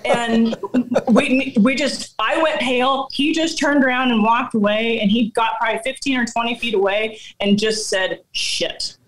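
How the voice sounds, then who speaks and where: A woman's voice: a little high, fairly even intonation, moderate pace, poor audio. Laughing Midwestern woman telling a hunting story. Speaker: guest hunter. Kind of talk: casual storytelling chat.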